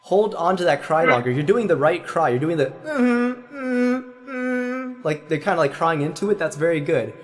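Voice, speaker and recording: A man's voice: a little high, fast talker, few pauses. A man giving a singing lesson as voice teacher, patiently explaining and singing vowels to show them.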